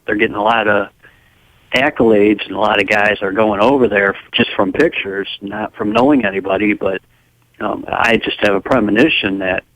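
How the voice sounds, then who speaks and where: A man's voice: lowish voice, lively intonation, moderate pace, gravelly, a bit bright, no room sound, low-quality recording. A man in his forties calling in to a radio show, chatting casually and agreeably with the host. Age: 40s.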